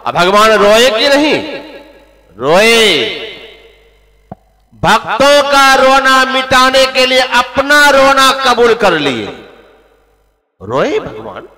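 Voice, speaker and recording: A man's voice: very high-pitched, very animated, takes it slowly, long pauses, sharp tone. A man preaching a devotional sermon, telling a story in an emphatic, repetitive way with chanted verses, at a religious gathering with long hall reverb.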